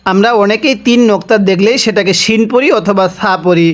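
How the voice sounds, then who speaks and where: A man teaching Quran reading, reciting each phrase slowly and drawn out, then explaining the rules and asking how it should be read. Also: high-pitched. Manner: repeats words and asks "how do we read it?". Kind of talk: step-by-step Quran reading lesson.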